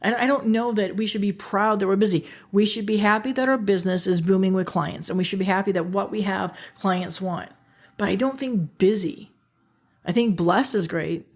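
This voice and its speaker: A woman in her sixties hosts a podcast, speaking at normal speed with a medium-pitched voice. In an earnest motivational monologue, she addresses listeners as friends and repeats key phrases.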